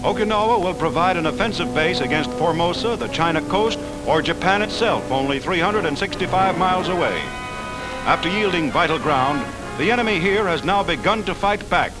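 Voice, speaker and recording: A man's voice: fairly high pitch, animated, a little fast. A man narrating an old 1940s wartime newsreel in an urgent, declamatory voice. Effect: old wartime newsreel sound. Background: orchestral music.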